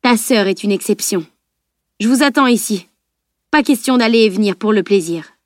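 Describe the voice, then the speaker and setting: Old man scholar, kindly, cautious, measured, read by a woman, even middle pitch. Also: no echo, clean studio sound, close to an everyday voice. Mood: explaining.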